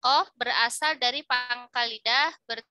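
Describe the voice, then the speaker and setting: A middle-aged woman teaching Quran recitation in an online lesson, patiently repeating syllables for her students to copy, with pauses and self-corrections. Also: fairly high pitch, bright, forceful tone, clean tone, no echo, dull audio. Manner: halting, with fillers and self-corrections.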